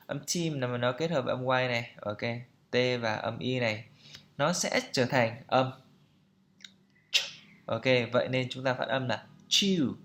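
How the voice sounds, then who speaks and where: A man teaching pronunciation, explaining patiently and repeating example words slowly for students to copy. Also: medium pitch, a bit bright. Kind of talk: pronunciation lesson.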